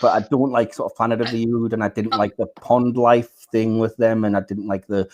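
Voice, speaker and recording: A man's voice: lowish voice, level tone, fairly quick, darkish tone. A man hosting a podcast in casual chat, steering the segments with plenty of ums and hesitations. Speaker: host.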